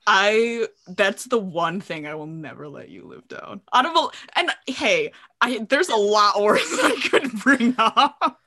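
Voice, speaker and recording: Young woman co-host, casual storytelling, laughs a lot, medium pitch. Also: measured pace, hardly any pauses. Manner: laughing, storytelling, animated quoting. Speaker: podcast co-host. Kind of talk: casual chat.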